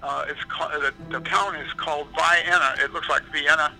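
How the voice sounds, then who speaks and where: A man's voice: on the high side, fairly quick, vocal fry, sharp tone, faint music behind, poor audio. A man, an author and historian, answering interview questions in a rambling, digressive way.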